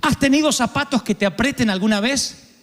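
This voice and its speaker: A man's voice: very high-pitched, a little fast, a bit bright. A middle-aged man with an Argentine accent preaching a sermon, telling funny stories and acting out the voices of the people in them. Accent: Argentine Spanish. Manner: humorous storytelling, acts out voices. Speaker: pastor. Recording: long reverb of a large hall.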